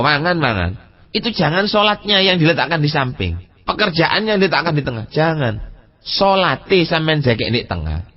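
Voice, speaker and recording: A man with an East Javanese accent preaching at a religious study session, lively, asking rhetorical questions and speaking straight to his listeners, now and then chanting Arabic text with a Javanese gloss. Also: medium pitch, highs cut off. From East Java. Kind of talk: mosque study sermon mixing Indonesian and Javanese.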